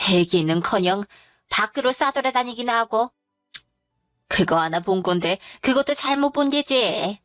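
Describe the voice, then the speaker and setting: A domineering, scolding older mother-in-law, put on by a woman storyteller. The voice sits high and the sound is dry and close. Soft music plays underneath. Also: dry recording, natural voice. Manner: scolding, contemptuous tirades.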